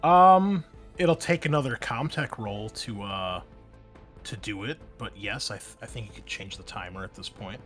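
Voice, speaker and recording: A man serves as game master in a tabletop roleplaying game, narrating scenes and explaining rules over background music. His voice sits on the low side, a bit bright, at a normal speed.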